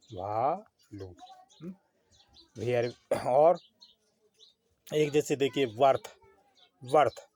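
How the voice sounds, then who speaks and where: Slow, spelling-out male grammar teacher. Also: mid-range voice, a little mellow, dry recording. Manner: slow, spells words letter by letter and quizzes himself with rhetorical questions; ends phrases with a checking "हैं?". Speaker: English teacher. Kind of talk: Hindi-language English grammar lesson.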